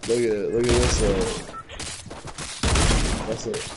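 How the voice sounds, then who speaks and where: A man's voice: lowish voice, fairly even intonation, takes it slowly, very noisy. A young man gaming with friends, laid-back and teasing, swearing often. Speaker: gamer. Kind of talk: casual gaming banter.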